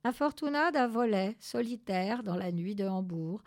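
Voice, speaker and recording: Storyteller, woman, expressive measured read-aloud, slight fry. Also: medium pitch. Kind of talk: reading a children's novel aloud.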